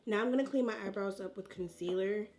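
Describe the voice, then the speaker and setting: A woman's voice: medium pitch, fast talker, a little mellow, a little hiss or hum. Casual, chatty woman doing a makeup tutorial. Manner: informal and slangy, talking to viewers like friends while applying makeup. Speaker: beauty vlogger.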